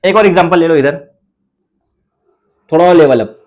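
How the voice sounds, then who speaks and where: A man's voice: a little high, normal speed, darkish tone, poor audio. A man with an Indian accent teaching a chemistry lecture, repeating his questions, answering them himself and counting aloud in a playful chant. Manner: repetitive, asks students questions and answers them. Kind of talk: classroom lecture.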